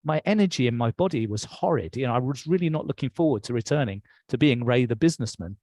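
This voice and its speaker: A man's voice: mid-range voice, expressive, fast, a little mellow, no echo. Reflective English man, dry close sound. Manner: reflective, recounts with quoted dialogue. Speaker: interview guest. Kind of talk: personal storytelling.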